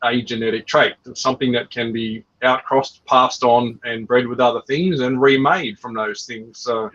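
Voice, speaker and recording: A man's voice: medium pitch, steady tone, moderate pace, a bit bright. A man hosting a casual reptile livestream, teasing his co-host with jokey banter. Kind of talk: casual chat. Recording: dull lo-fi audio.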